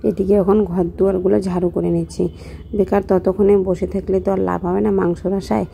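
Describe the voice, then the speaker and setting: A young woman softly narrating her daily home life as a vlog voice-over, her voice weak from just waking up. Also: medium pitch, little pitch movement, vocal fry, muffled recording, a little hiss or hum. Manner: speaks softly and slowly, just woken up. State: low on voice after waking. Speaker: vlogger.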